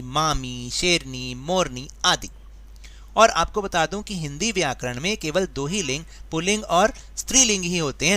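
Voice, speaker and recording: Bright-voiced man teaching a lesson. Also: on the high side. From India. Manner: patient, explains step by step with questions to students. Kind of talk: worksheet lesson.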